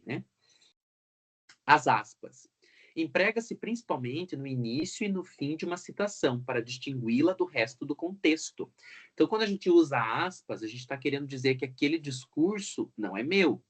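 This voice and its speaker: A man's voice: medium pitch, lively intonation, normal speed, husky. Man teaching a grammar lesson. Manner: explanatory, frequent tag questions.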